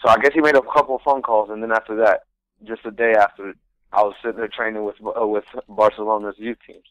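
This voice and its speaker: A young man speaks in a low voice, earnest and rambling, stopping and restarting as he tells his story. He sounds close and dry, like a guest in a radio studio. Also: fairly bright tone, no echo, rough recording. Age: young adult. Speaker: guest, pro soccer rookie. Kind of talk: casual interview storytelling.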